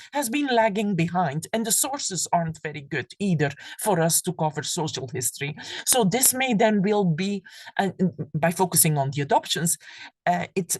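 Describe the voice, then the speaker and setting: A Flemish-speaking woman from Belgium gives a university lecture on an academic subject in a low voice with a soft, breathy edge. She is thoughtful and restarts phrases while searching for words. The rough recording is dry, with no room sound around it.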